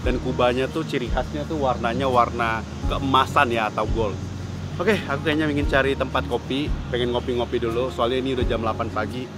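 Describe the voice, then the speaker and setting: A young man vlogging outdoors, talking to the camera in a relaxed, chatty way. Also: medium pitch, brisk, noisy background. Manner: relaxed, chatty, addresses viewers as guys. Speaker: travel vlogger. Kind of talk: casual chat to camera. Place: outdoors, at a mosque and a beach hut. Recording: talk over loud background music.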